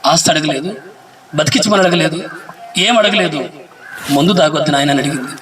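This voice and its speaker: A man's voice: fairly high pitch, fairly quick, fairly bright tone, close to an everyday voice. A man voicing a grown son who solemnly keeps a vow to his mother, in a sermon story. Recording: distant mic, noisy hall.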